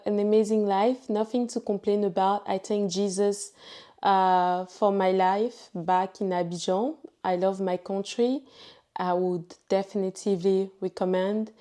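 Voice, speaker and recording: Slow-talking woman with an Ivorian French accent. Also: mid-range voice, darkish tone. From Ivory Coast. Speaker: vlogger. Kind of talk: casual personal testimony to camera.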